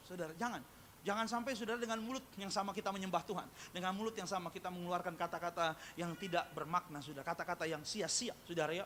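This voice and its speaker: High, bright-voiced male pastor preaching. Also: slight background noise. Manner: humorous storytelling, repeatedly addressing the congregation; calls for amen and audience responses. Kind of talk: sermon. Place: church service, also streamed live.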